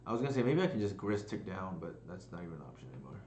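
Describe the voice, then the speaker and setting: Low-voiced man mulling plays on stream. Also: big pitch swings, very fast, a little mellow, echoey room, a little hiss or hum. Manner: thinking aloud, hesitant with many fillers. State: burping and coughing at times. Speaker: streamer playing a card game. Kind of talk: casual live-stream commentary.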